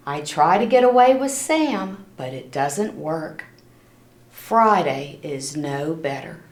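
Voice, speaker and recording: Reading a children's storybook in a low, darkish voice, this woman goes slowly and expressively, pausing for little asides to her listeners. The recording has an echoey room sound.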